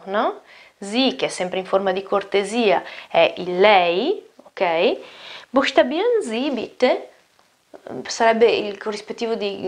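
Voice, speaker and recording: A woman with an Italian accent teaching an online German lesson, chatty, slowing down to repeat phrases clearly and often asking "ok?". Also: mid-range voice.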